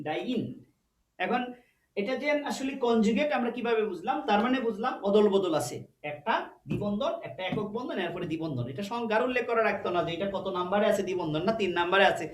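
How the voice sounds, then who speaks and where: A man's voice: sits high, roomy sound. A man teaching a chemistry lesson at a board, explaining step by step and asking and answering his own questions, with English terms mixed into his talk. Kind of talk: online lecture at a board.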